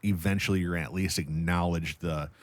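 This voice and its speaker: With a low, steady voice at normal speed and no echo, a man who has worked in radio talks as a podcast guest. The conversation is casual, but he explains emphatically, repeats points for effect, and uses profanity.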